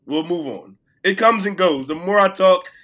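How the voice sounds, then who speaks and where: Male podcast co-host with a sick, cracking voice; bright, high-ish tone, loud when excited. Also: normal speed. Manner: playful, boastful, gets loud when excited. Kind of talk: casual sports chat.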